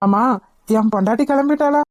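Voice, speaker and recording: A woman's voice: fairly high pitch, a little fast, a little mellow, no room sound, studio quality, close to an everyday voice. A woman with a Tamil accent voicing a vain, boastful young groom in a cartoon.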